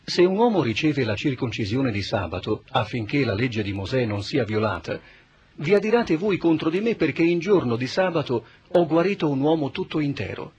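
A man playing Jesus as a calm, solemn teacher in a dramatized Bible reading, speaking in a measured, grave way. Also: mid-range voice, slightly rough, dull audio.

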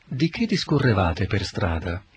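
A man reading the words of Jesus as a calm, authoritative teacher in a scripted Bible reading, solemn and measured. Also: on the low side, slightly rough, no room sound, exaggerated voice. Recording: dull lo-fi recording.

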